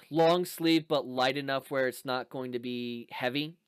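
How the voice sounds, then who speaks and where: Man, game master, smooth clear voice, dry close sound, slightly high. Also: no room sound. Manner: describes scenes with filler pauses. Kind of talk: narrating a tabletop game.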